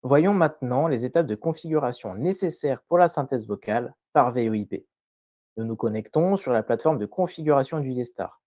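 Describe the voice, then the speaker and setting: A man presenting a scripted tutorial voice-over in a measured, didactic way, carefully enunciated. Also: mid-range voice, expressive, a little mellow, no room sound, dull audio.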